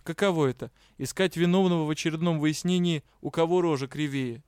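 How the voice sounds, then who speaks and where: A mocking dark-elf night-watch officer, voiced by a man in a fantasy audiobook. He speaks in a raised, clear, crisp voice that is dry and officious. The recording is close and without room echo. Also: on the high side, natural voice.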